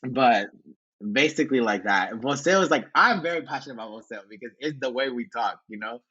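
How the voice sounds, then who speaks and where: Husky young man telling animated stories. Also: mid-range voice, fairly quick, dull audio. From Honduran Salvadoran American from Virginia. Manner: animated storyteller, laughs often, switches between English and Spanish. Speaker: podcast guest, content creator. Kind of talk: casual conversational interview.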